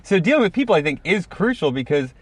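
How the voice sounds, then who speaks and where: A man's voice: on the high side, sing-song, fast talker, dry recording. A man co-hosting a podcast, talking in a reflective, rambling way and laughing often. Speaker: podcast co-host. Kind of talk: casual chat.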